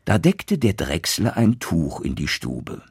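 Slow, expressive male fairy-tale reader. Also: low voice, gravelly, slightly rough, dry recording, clean studio sound. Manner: very expressive, dramatic storytelling. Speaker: storyteller.

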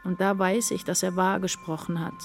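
A woman narrating in the first person in a dramatic literary reading, intense and halting. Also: on the low side, little pitch movement, faint music behind.

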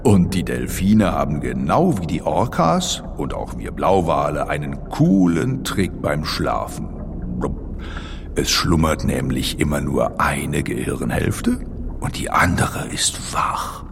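A man's voice: a bass voice, very animated, slow pace, creaky, big-room sound, background noise, heavily acted. A man playing an easygoing, boastful, friendly giant blue whale, explaining things colloquially in a playful children's audio feature. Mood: chummy, explaining. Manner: colloquial, addresses the young listener directly.

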